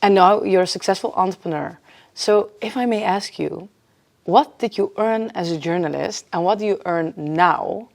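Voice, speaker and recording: A woman's voice: mid-range voice, moderate pace, gravelly. A woman hosting a casual interview, enthusiastic and effusive in her praise of her guest. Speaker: podcast host.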